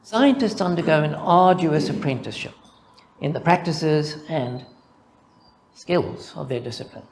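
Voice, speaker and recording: With a slightly high, animated and gravelly voice, an older man with a Zimbabwean accent, a mathematician, reads his prepared conference paper deliberately and reflectively, building rhythmic lists. There is slight background noise.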